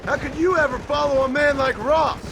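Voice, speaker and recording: An actor playing a weary, defiant former outlaw in a Western game, curt, dry and folksy. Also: male voice, very high voice, fairly even intonation, a little fast. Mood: bitter, defiant. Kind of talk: video game acting. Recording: clear horse and outdoor noise. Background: hoofbeats, outdoor ambience.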